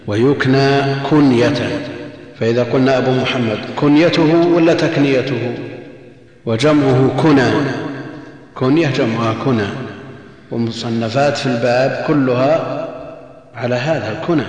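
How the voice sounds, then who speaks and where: A man giving a measured commentary lesson on a classical text, repeating key phrases and posing rhetorical questions. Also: mid-range voice. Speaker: religious lecturer. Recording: very echoey long hall reverb.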